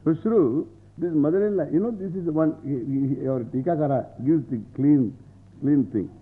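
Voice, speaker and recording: South Indian swami teaching, thin phone-like sound. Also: male voice, fairly high pitch, moderate pace. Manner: repeats phrases, explains word by word, argues with rhetorical questions. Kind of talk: scriptural lecture with Sanskrit quotations explained in English.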